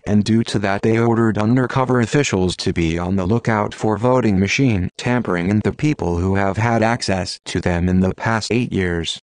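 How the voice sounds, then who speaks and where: A man reading a stern scripted public warning as an anonymous activist spokesman, his voice disguised and artificially deepened. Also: no echo. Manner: stern, measured, declaiming delivery.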